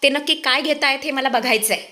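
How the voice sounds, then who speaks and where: A doctor delivering alarming news in a grave, urgent manner, voiced by a woman reading a story. The voice is somewhat high. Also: fairly quick, sharp tone.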